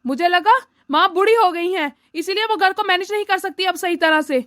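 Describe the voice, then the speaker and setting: A woman voicing a grown son and brother in a cartoon story, earnest and quick to anger. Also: very high-pitched, fairly bright tone. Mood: outraged. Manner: earnest, outraged. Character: grown son and brother, earnest, hot-tempered then apologetic. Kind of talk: cartoon voice acting.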